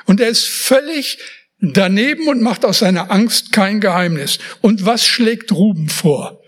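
A man's voice: sits high, lively intonation, measured pace, fairly bright tone, slightly rough. A man preaching a sermon, emphatic and speaking straight to his listeners with casual asides.

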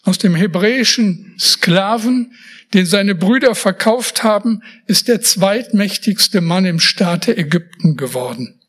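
A man's voice: high-pitched, animated, unhurried, fairly bright tone. A man preaching a sermon, emphatic and speaking straight to his listeners with casual asides.

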